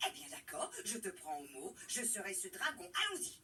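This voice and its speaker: A woman's voice: medium pitch, big pitch swings, fairly quick, sharp tone, distant mic, a little hiss or hum. A woman voicing a boastful, gullible sea dragon villain in a children's cartoon, gloating and theatrical. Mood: eager, gullible. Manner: gloating, theatrical, swooping exclamations. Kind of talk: French-language children's cartoon dubbing.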